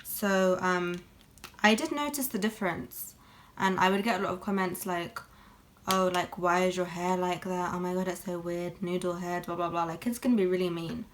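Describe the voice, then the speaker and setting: In a lowish voice with fairly even intonation, a young woman talks at normal speed as she does her makeup. The beauty vlogger keeps her get-ready-with-me chat casual and candid, with plenty of fillers.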